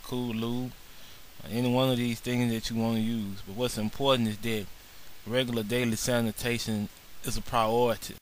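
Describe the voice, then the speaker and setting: A man's voice: medium pitch, a little hiss or hum, poor audio. A man narrating a slideshow lesson on barbershop sanitation in an earnest way, with many filler words. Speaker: barber instructor.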